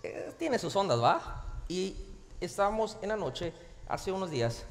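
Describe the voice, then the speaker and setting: Guy pastor preaching live, high voice jumping all over, big echoey hall, faint background hum. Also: measured pace. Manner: animated, jokey preaching that swings from loud to soft. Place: large church hall with live audience. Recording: reverberant live hall recording.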